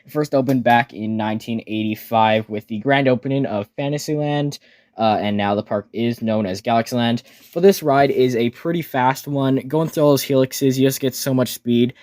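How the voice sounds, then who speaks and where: A man's voice: mid-range voice, moderate pace, a little mellow, dry recording. Man giving dry, close-sounding ride commentary. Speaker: narrator reviewing amusement park rides. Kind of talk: casual scripted-style voice-over commentary.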